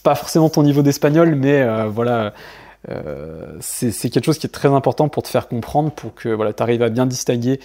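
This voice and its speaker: A man giving an online language lesson, hesitating often and repeating example words slowly and carefully. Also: mid-range voice, expressive, mellow. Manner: hesitant, many fillers, slow careful word repetitions. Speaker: Spanish teacher.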